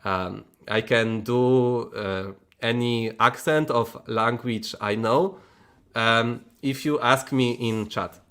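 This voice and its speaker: Slow and fairly even in intonation, his mid-range voice sounds clean and fairly bright. He's a livestream host from Poland, accented and a native Polish speaker, chatting casually in a rambling, frank way, restarting words, laughing often and swearing mildly.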